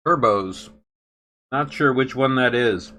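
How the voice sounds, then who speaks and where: A man hosting a casual tech livestream from his workshop table, talking haltingly with many fillers. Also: medium pitch, sharp tone.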